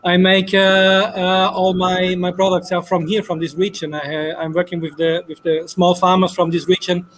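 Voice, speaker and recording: High-voiced Austrian chef, flat delivery. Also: male voice, normal speed, hardly any pauses, slight background noise, poor audio. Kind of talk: online panel introduction.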